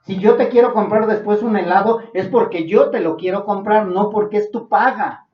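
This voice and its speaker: A man with a Mexican Spanish accent preaches a Bible study sermon, earnest and building to fervent emphasis. His high voice moves at a moderate pace, recorded from a distance in a dull, echoey room.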